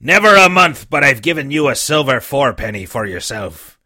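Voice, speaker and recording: A man voicing a sick old sea captain who pleads and blusters in rough sailor's talk with a weak, feeble voice. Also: medium pitch, very animated, moderate pace, bright, forceful tone, exaggerated voice. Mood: pleading.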